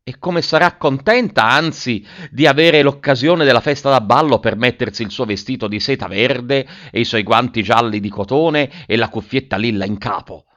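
A man voicing snobbish, fretful teenage sisters in a high, squeaky falsetto, talking in an indignant, gossiping way. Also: sing-song, normal speed, hardly any pauses, a bit bright, dull audio. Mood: exasperated.

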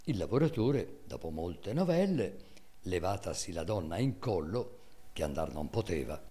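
Expressive male reader of classic prose. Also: deep voice. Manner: expressive, measured storytelling. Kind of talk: dramatic reading of classic prose.

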